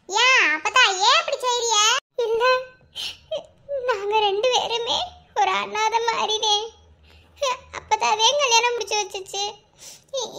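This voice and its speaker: A woman voicing a sharp-tongued village woman in a cartoon, speaking with a Madurai Tamil accent and a scolding, teasing manner. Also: very high voice, full character voice. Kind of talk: cartoon voice acting.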